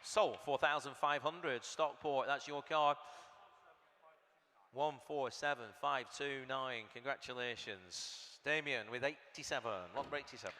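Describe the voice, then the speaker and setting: A man's voice: medium pitch, steady tone, a little slow, pushed and bright, a little hiss or hum. A man working as an auctioneer at a live sale, rattling off prices and bids with chatty asides to the bidders. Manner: chatty asides to bidders between bid calls. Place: large auction hall. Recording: hall reverb from PA.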